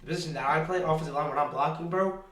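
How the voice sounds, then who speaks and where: Fast-talking teen guy, roomy and off-mic. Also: on the high side, far from the mic, crowd noise. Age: teens. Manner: rambling, filler-heavy, says "bro" often. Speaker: podcast co-host. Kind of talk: casual chat.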